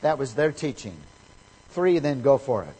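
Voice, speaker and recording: Male pastor, sermon, husky voice, reads scripture then explains, loud and soft swings. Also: mid-range voice, animated, moderate pace, poor audio.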